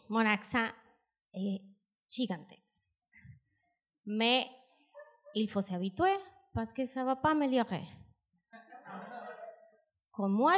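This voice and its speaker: A woman from South America with a strong South American Spanish accent, doing a deadpan, self-mocking stand-up set. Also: sits high. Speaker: stand-up comedian.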